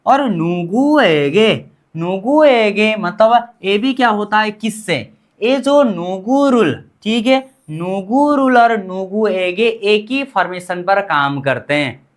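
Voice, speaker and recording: A woman teaching a grammar lesson, repeating each word slowly and quizzing the learners as she goes. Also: medium pitch, animated. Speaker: language teacher.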